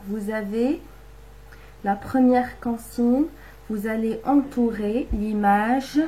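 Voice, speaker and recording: A woman teaching a lesson to young children at home, explaining each step slowly and patiently, sounding out syllables. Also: mid-range voice, warm tone, slight background noise, low-quality recording. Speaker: primary school teacher.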